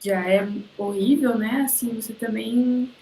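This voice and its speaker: A woman's voice: a little high, steady tone, unhurried, dark tone, rough recording. A woman with a Brazilian accent, a student speaking up in an online class, hesitant and searching for words. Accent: Brazilian Portuguese. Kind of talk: class discussion. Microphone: video call.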